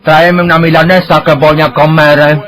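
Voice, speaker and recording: A man voicing a bossy male restaurant customer, barking orders at a waiter in a loud, mocking drawl. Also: fairly high pitch, flat delivery, normal speed, soft background music, pitched above the performer's own voice, natural voice. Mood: demanding.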